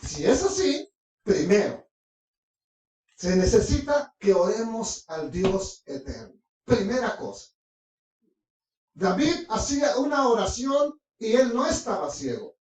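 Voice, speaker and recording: A preacher delivers a sermon with a prayer, pitch leaping up and down through one pointed question after another. The voice is far from the mic, in a room with heavy, booming echo. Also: sing-song, slow pace, pauses often, darkish tone. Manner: asks the congregation rhetorical questions, swinging pitch widely. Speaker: preacher teaching scripture.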